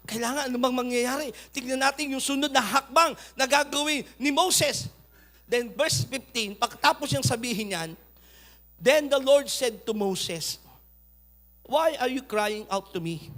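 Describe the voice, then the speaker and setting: High, bright-voiced preacher. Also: male voice. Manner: preaching with swings between loud urging and quiet asides. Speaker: pastor. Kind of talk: sermon.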